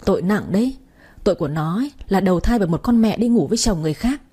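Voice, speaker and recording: A woman's voice: mid-range voice, expressive, quick pace, mellow, breathy edge. Woman voicing a cruel sneering villainess. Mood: venomous. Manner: sneering, hissing threats.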